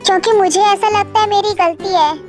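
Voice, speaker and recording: A young woman voicing a sweet, polite young woman who speaks softly, in a storybook reading. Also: very high voice, moderate pace. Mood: gentle. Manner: soft, polite. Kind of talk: storybook voice acting. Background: faint background music.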